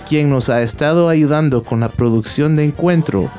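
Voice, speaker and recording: A man's voice: a little high, normal speed, mellow, soft background music. A man announcing a radio program, thanking listeners and a helper in a friendly read-aloud style.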